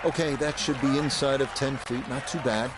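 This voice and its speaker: Man, golf commentator, measured live commentary, mid-pitched, prominent crowd noise behind. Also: steady tone. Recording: loud music and crowd behind. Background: music, crowd, outdoor ambience.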